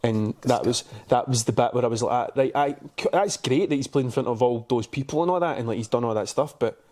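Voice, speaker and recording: A man's voice: medium pitch, fast, darkish tone. A Scottish man co-hosting a podcast, telling sweary, rambling stories in casual chat with lots of restarts. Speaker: podcast co-host.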